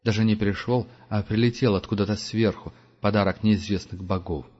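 In a dull lo-fi audiobook recording, a man with a somewhat low voice reads scripted narration. His storytelling is measured and steady.

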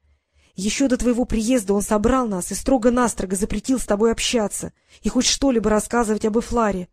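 A woman reading the part of an anxious, secretive young brother in an audiobook, speaking slowly and hesitantly. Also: fairly high pitch, fairly even intonation, darkish tone, no echo, clean studio sound, lightly acted. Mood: urgent.

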